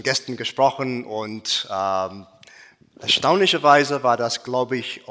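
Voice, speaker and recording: A man's voice: medium pitch, fairly bright tone. A man preaching as a guest speaker, hesitant, with many fillers and restarts. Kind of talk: sermon. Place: church. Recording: long church-hall reverb.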